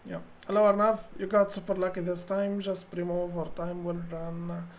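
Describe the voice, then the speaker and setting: A woman's voice: on the low side, monotone, normal speed, a little hiss or hum. A woman from Tunisia, chatting with viewers and thinking aloud as a chess streamer. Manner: chatty, reads chat aloud and thinks out loud over moves. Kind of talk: live-stream commentary.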